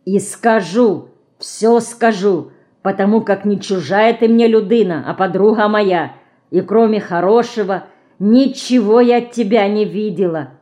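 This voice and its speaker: A woman reading an audiobook, voicing an earnest village girl with Ukrainian-tinged rural speech who lectures slowly and solemnly. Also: medium pitch, mellow, natural voice. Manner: slow, solemn, folksy lecturing.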